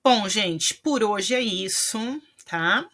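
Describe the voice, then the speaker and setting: A woman's voice: medium pitch, expressive, extremely slow, fairly bright tone. A woman teaching a language lesson, explaining patiently and checking in often with her viewers. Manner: patient, explanatory, frequent "né" and "tá" tags.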